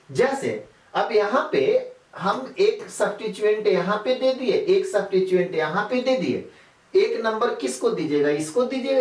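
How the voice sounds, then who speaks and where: A man's voice: high-pitched, a little mellow. A male teacher gives a classroom chemistry lecture, repeating points and quizzing students with rhetorical questions. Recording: echoey room, mic far off.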